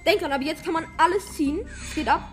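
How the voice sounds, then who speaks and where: High-pitched woman leading a game unboxing, upbeat and pushy, music bed. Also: quick pace. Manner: drives the pace, announces each opening. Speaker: gaming video host. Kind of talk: excited game box-opening commentary.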